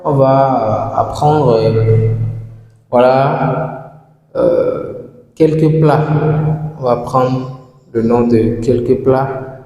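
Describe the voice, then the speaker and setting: A man with a West African French accent teaching English vocabulary, repeating each word slowly and carefully. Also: medium pitch, warm tone. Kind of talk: slow vocabulary lesson. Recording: very echoey room with long reverb.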